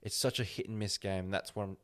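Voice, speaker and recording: Slow, opinionated man on a podcast. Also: fairly low pitch, steady tone, a bit bright. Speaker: podcast host. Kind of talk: casual podcast chat.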